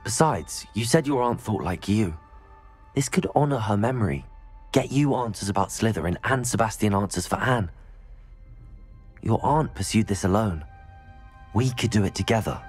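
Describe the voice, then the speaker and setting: An actor playing an earnest, determined young wizard student in video game dialogue. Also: male voice, lowish voice, expressive, normal speed, long pauses, darkish tone. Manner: earnest, persuasive. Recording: game audio with faint music.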